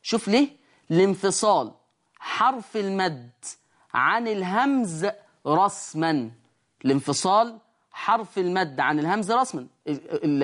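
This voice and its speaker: Egyptian woman teaching Quran recitation rules. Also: medium pitch. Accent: Egyptian Arabic. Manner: explains step by step, asks and answers her own questions. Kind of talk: tajweed lesson on screen. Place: studio lesson with a control room.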